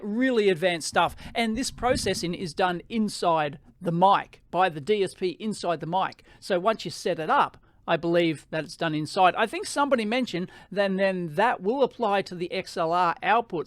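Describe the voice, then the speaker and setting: An Australian man with a high-pitched voice and rising sentence endings, giving an excitable, casual off-the-cuff gear demo into a close microphone. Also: dry recording. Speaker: tech reviewer hosting a gear demo. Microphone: close podcast microphone.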